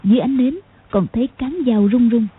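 A woman narrating an audiobook in a steady storytelling manner. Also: on the high side, brisk, narrow, tinny audio, a little hiss or hum. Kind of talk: scripted narration.

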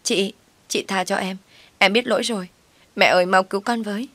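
A woman's voice: deep voice, brisk, fairly bright tone, no echo. A woman voicing a spiteful young sister-in-law with a sneering, whiny way of talking. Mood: pleading.

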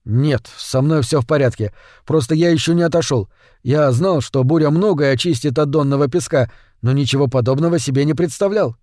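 A man's voice: fairly high pitch, a little fast, darkish tone, no echo, studio quality, close to an everyday voice. A man doing a shaken, uneasy diver.

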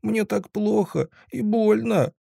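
A man's voice: high voice, slow pace, vocal fry, mellow, breathy edge, dry recording, studio quality, pitched above the performer's own voice, heavily acted. Man doing a whiny tearful girl android. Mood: weeping reproach. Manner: whiny, sobbing, sulky pleading. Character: tearful petulant young female android. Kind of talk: audiobook character voice.

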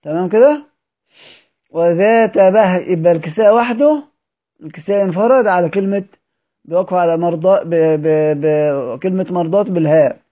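A Quran recitation teacher with an Egyptian Arabic accent leads a study circle, quizzing his students and then answering his own questions. His voice is high and his pace moderate, captured in a dull lo-fi recording.

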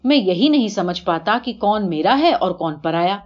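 A woman's voice: mid-range voice, animated, lightly acted. Woman reads anxious male king in a storybook, evasive and wheedling; dull lo-fi sound. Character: anxious ruler Krishna, male, pleading then bargaining.

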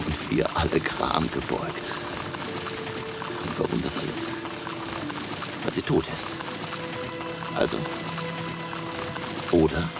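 Very deep, creaky old professor. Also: male voice, exaggerated voice. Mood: grieving, agitated. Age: older. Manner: theatrical, ruminative, given to rhetorical questions. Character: elderly Dutch professor, eccentric, emotional and courteous. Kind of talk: German radio drama acting.

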